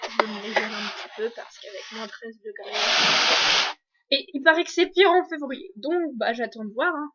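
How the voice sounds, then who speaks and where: A woman's voice: fairly high pitch, fairly bright tone, highs cut off. A young woman from France talking casually in a video diary, chatty with many restarts and fillers. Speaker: exchange student vlogger.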